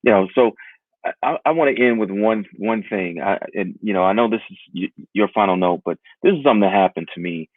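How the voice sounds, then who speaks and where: A low-voiced man speaking bluntly and profanely in a casual podcast chat. His voice comes through a narrow, tinny, phone-like line, dry with no room echo. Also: a little fast. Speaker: podcast co-host.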